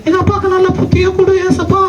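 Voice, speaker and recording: A woman's voice: very high-pitched, completely flat delivery, fast, echoey room, recorded from a distance, lo-fi sound. A woman playing a pleading little daughter. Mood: praying. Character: pleading young daughter of a drunk. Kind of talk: church stage skit. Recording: loud background noise.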